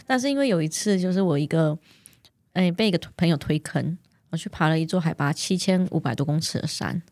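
A woman speaks with a Taiwanese Mandarin accent in a fairly low voice. She tells stories casually as an interview guest, recorded close and dry. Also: lively intonation, a little fast, a little mellow, no room sound. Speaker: podcast guest, mountaineer.

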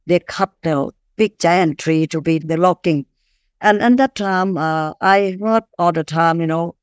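A woman from Thailand with a Thai accent, answering interview questions as an activist in halting, non-fluent English. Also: fairly low pitch, dry recording. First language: not English. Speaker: animal rights activist, interview guest.

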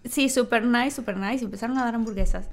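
Mexican woman guest, higher voice, animated storyteller with lots of fillers. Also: fast, gravelly. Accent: Mexican Spanish. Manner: animated, acts out quoted voices, frequent fillers. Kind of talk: casual storytelling.

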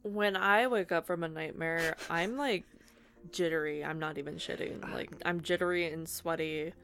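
A woman's voice: low voice, fairly even intonation, normal speed, a bit bright. A woman co-hosting a podcast, making blunt, joking asides in casual chat. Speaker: podcast co-host. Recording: noisy podcast recording.

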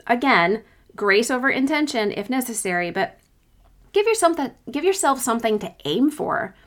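A woman's voice: fairly high pitch, very animated, normal speed, a bit bright. A woman hosting a solo coaching podcast, talking conversationally and giving informal, encouraging advice.

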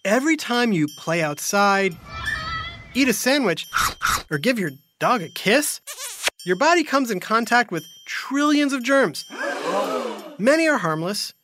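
A woman's voice: a little high, sing-song, a little slow, pauses often, background noise. A woman hosting a kids' science podcast with playful, theatrical scripted narration. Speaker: host and narrator. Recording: music behind.

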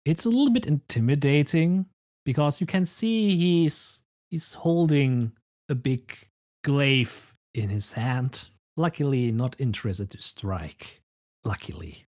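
Slow, measured male game master. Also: mid-range voice, expressive, a little mellow. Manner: unhurried, descriptive. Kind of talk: narrating a tabletop game.

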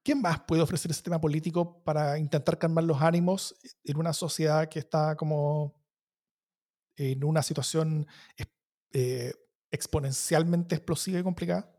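A man's voice: a little high, fairly even intonation, moderate pace, a little mellow. Chilean man hosting a panel. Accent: Chilean Spanish. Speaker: host. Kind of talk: panel discussion.

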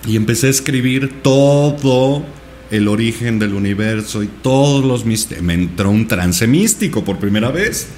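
A male podcast guest earnestly recounts a personal experience in an interview, repeating himself often. His medium-pitched voice is expressive and darkish at a measured pace, with slight background noise.

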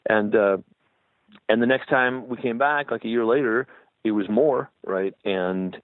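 On a dry, tinny phone connection, a middle-aged male musician who tours speaks as an interview guest at a measured pace. His voice is on the low side with no room sound, and he rambles, frequently closing remarks with "right?".

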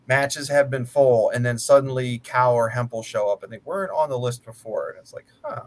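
A medium-pitched American man around thirty talks briskly in a casual chat. He's blunt, profane, and talkative, going on at length.

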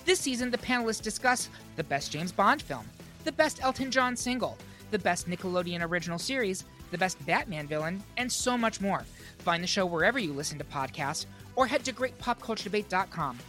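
Woman announcer, peppy promo read, soft music underneath. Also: mid-range voice, sing-song, a little fast.

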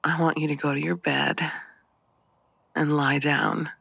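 A man performing an intimate audio roleplay in a soft, breathy half-whisper, slow and lingering. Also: fairly high pitch, level tone, dry recording, muffled recording.

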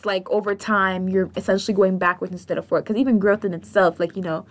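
A woman's voice: mid-range voice, steady tone, fast. A woman co-hosting a podcast, agreeable and asking follow-up questions in casual chat. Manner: agreeable, questioning, lots of mm-hmms. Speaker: podcast co-host.

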